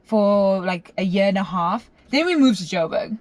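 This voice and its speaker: A woman's voice: mid-range voice, animated, moderate pace, a little mellow, no echo. A woman in her twenties from South Africa, chatting as an interview guest, talkative and giggly with lots of restarts. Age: 20s. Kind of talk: casual interview chat.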